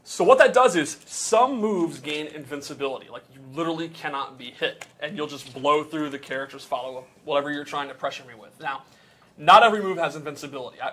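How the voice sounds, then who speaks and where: A man with a somewhat high voice explains game mechanics in a relaxed, conversational way. He walks through each rule patiently, backing it up with example after example. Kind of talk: casual technical explanation.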